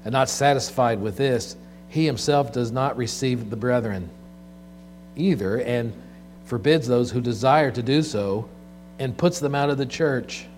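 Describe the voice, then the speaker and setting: A man's voice: medium pitch, a little slow, a little mellow. Male pastor preaching, with audible hum behind. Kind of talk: sermon with scripture reading and prayer. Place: church service, speaking from the pulpit. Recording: clear background mains hum.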